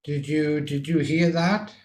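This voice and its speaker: A man's voice: on the high side, flat delivery, unhurried, a little mellow, a little hiss or hum. A male English teacher giving a one-on-one lesson, patiently prompting and encouraging his student.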